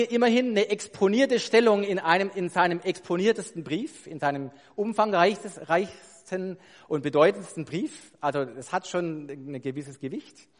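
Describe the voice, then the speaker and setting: Male preacher, slightly higher voice, emphatic sermon delivery in a church hall with long reverb. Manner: emphatic, building to loud stressed climaxes; rhetorical questions to the congregation.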